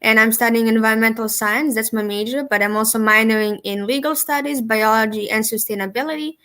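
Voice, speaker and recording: A woman's voice: a little high, fairly quick, sharp tone. A young woman from Serbia, a university student, earnestly telling her story over a video call. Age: young adult. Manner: earnest, eager to share. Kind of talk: casual interview answers.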